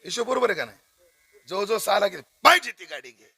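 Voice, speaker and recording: A man's voice: high voice, big pitch swings, fast talker, bright, forceful tone. A man preaching a kirtan as a humorous storytelling sermon, joking and putting questions to the audience. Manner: jokey, asks the audience questions.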